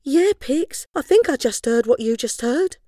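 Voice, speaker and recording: A woman's voice: high-pitched, measured pace, no room sound, clean studio sound, pitched above the performer's own voice. A woman voicing an eager, proud young girl in a children's story. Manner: excited, proud.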